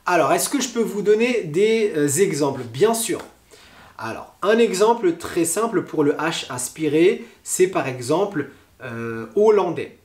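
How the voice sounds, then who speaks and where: A French-accented man teaches a pronunciation lesson at an unhurried, deliberate pace, with frequent pauses and filler sounds. His voice sits a little high for a man. The recording carries a noticeable room echo. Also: lively intonation, a little mellow. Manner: slow, patient explaining with many hesitations.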